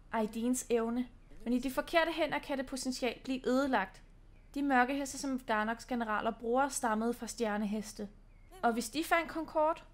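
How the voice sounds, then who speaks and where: A woman's voice: fairly high pitch, lightly acted. Woman reading a solemn druid woman. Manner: solemn reading aloud of in-game lines.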